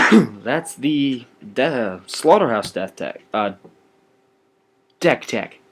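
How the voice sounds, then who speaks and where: A young man explaining his card game deck in a casual, low-energy way, pausing often with ums. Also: very animated.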